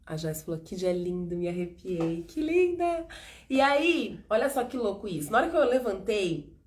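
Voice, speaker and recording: Speaking at a normal pace in a mid-range voice, this São Paulo woman in her thirties leads a relaxed conversation about faith testimonies. Her Brazilian Portuguese accent colors an animated retelling in which she performs each line of dialogue.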